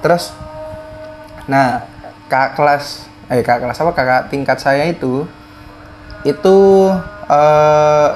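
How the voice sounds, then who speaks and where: A man's voice: on the high side, steady tone, slow pace, long pauses, soft background music. A man, a guest telling a story in casual talk, hesitant and full of fillers and restarts.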